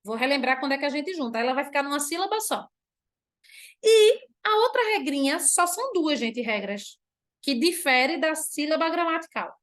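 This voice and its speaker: A woman's voice: sits high, expressive, fairly bright tone. A Brazilian woman teacher giving an online class, explaining patiently, posing questions and then answering them herself, and drawing out key words. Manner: drawn-out stressed words when demonstrating.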